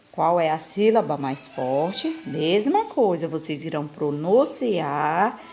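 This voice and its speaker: Woman, Brazilian Portuguese accent, primary teacher, gravelly voice, very slow delivery, patient and coaxing. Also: fairly low pitch, a little mellow. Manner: patient, coaxing, asks questions and repeats key words. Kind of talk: recorded remote lesson for children.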